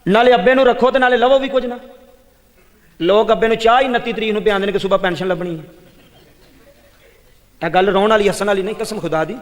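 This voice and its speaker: A man with a Pakistani Punjabi accent preaching a fervent storytelling sermon and speaking straight to his listeners. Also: sits high. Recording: long hall reverb.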